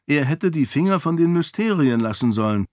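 A man voicing a sharp-witted young royal woman in an audiobook, lifting his voice and talking with quick self-assurance. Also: fairly high pitch, animated, dry recording, clean studio sound, pitched above the performer's own voice, close to an everyday voice. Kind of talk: audiobook character voice.

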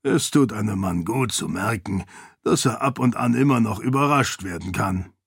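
A man voicing a croaky older uncle in an audiobook, wry and good-humored. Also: lowish voice, expressive, normal speed, dry recording, studio quality, full character voice. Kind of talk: audiobook character voice.

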